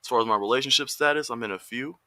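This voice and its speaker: Relaxed young man from Dallas. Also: mid-range voice, very fast, dry recording. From Dallas, Texas. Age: 20s. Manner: relaxed, candid, laughing a little. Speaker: podcast crew member. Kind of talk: casual podcast talk.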